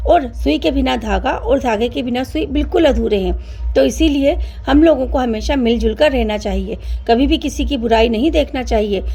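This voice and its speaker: A woman's voice: high-pitched, normal speed, vocal fry, dark tone, husky. A woman narrating a children's story, speaking to listeners as friends in a friendly way.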